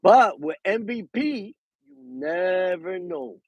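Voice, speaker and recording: Man, higher register, dry sound; animated storyteller type. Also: slow pace, slightly rough, dry recording, highs cut off. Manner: animated storyteller, mixes in Spanish. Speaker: boxing show guest. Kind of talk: casual chat.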